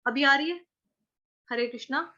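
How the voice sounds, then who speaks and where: A woman teaching slow Sanskrit verse recitation in an online class, with her voice breaking up and cutting out over a bad call connection. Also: sits high, sharp tone. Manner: chants verses slowly, then explains syllable by syllable. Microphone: video call. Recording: dull lo-fi call audio with dropouts.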